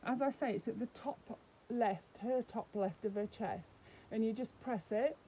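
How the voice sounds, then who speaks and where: A woman's voice: on the high side, measured pace, noisy background. Chatty woman demonstrating a doll. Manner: chatty, explains step by step while handling the doll. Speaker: doll collector vlogger. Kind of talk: casual unboxing demonstration.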